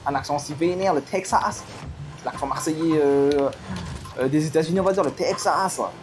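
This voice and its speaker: A gamer commenting live on an online match, excitable, swinging from low mutters to loud outbursts. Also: normal speed, soft background music. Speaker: gaming commentator.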